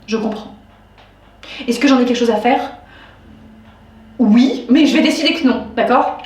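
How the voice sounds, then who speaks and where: A woman in her twenties telling a story in a casual video diary, animated and exasperated, talking straight to her viewers. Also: on the high side, normal speed, roomy sound. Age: 20s. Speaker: vlogger.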